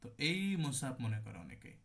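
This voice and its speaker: A man's voice: mid-range voice, very animated, brisk, gravelly, a bit bright. A man with a Bangladeshi Bengali accent teaching an online Quran recitation class. He explains patiently, repeats terms and demonstrates how words are recited.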